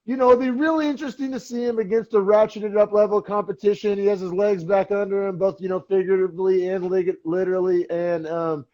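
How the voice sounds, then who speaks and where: A man's voice: high-pitched, steady tone, fast talker, few pauses, dark tone, highs cut off. A young man co-hosting a sports podcast, talking in a loose, rambling way with lots of fillers. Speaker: podcast co-host. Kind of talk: casual sports chat.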